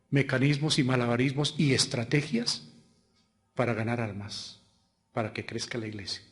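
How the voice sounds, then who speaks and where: A male pastor preaches in Spanish with a Colombian accent, his voice mid-range. He poses rhetorical questions and moves back and forth between emphatic loud lines and soft asides.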